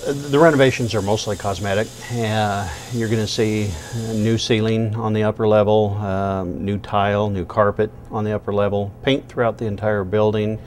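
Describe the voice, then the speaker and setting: A man's voice: lowish voice, fairly even intonation, normal speed, hardly any pauses, a little mellow, a little hiss or hum. A man from a college's facilities side, explaining plainly and matter-of-factly on camera, with frequent uhs, in a large indoor hall. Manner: matter-of-fact, listing details with many uhs. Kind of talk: on-camera interview.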